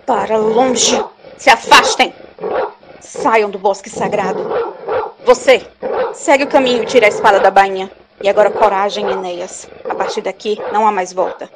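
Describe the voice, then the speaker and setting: A woman's voice: medium pitch, fairly even intonation, normal speed, background noise, lightly acted. A Brazilian woman playing a grave sibyl who guides a hero through the underworld, speaking in a solemn, declamatory way. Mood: commanding. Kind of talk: theatrical audio drama acting in Portuguese.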